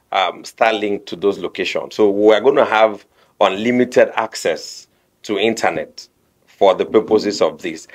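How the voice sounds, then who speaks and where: A man, a radio guest explaining a court technology program with lively anecdotes. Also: on the low side.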